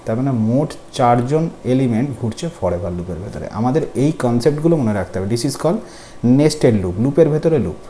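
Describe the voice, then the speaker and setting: A man's voice: mid-range voice, animated, a little fast, mellow. Patient man teaching coding step by step. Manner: patient, explaining step by step with questions to students. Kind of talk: screen-recorded tutorial. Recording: faint background noise.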